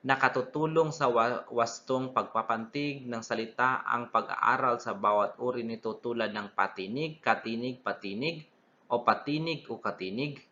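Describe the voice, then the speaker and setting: A young man, a student teacher, giving a recorded classroom lesson, deliberate and repetitive, sometimes correcting himself mid-word. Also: medium pitch, sharp tone, a little hiss or hum. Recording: dull lo-fi recording.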